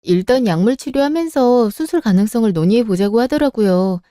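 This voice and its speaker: A woman's voice: a little high, lively intonation, fairly quick, dark tone, no room sound, clean studio sound, lightly acted. A woman playing a worried young wife and mother who pleads to care for her sick mother, in a radio drama. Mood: polite, surprised. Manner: pleading, anxious.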